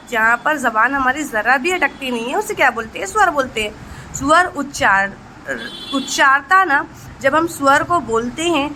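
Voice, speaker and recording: Woman teacher doing exam prep, high bright voice, asks her own questions then answers, calls students kids. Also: slight background noise, low-quality recording. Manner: asks rhetorical questions and answers them herself; mixes Marathi terms with Hindi explanations.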